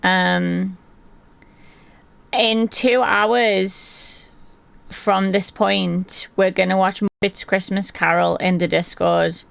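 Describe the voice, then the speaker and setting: A hoarse woman streamer talks loosely to her chat, her voice rough and full of fry. She rambles from one thought to the next and laughs a lot. The sound is close and dry, with no room around it. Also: medium pitch, steady tone, drawn-out words, dry recording. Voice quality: gravelly. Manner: chatty, rambling, laughs often. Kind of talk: casual chat with live viewers. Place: at a desk indoors.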